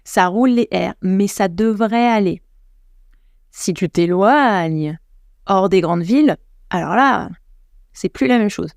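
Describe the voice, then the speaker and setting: Chatty French woman with a creaky voice. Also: medium pitch, a little mellow, no echo, studio quality. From France. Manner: chatty, addresses listener directly, many restarts. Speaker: podcast host, English coach. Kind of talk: casual advice talk.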